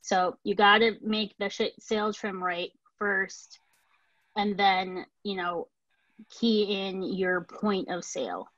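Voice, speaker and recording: A woman's voice: medium pitch, slow pace, a bit bright, no room sound. Female participant, hesitant with fillers, dry muffled video call. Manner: hesitant, many ums. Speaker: clinic participant. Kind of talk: casual discussion.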